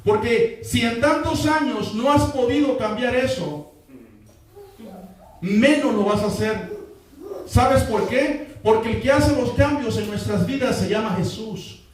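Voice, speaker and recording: A man preaching in an echoey church hall has an extremely high pitch and an unhurried delivery. Standing far from the microphone, this pastor drives his sermon by repeating key lines and prompting answers from the congregation.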